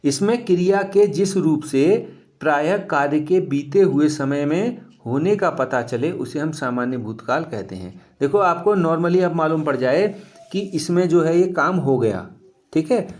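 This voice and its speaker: A man teaching a grammar lesson to children. His voice sits a little high for a man. He explains each point step by step and keeps asking quick questions back to his students. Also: darkish tone.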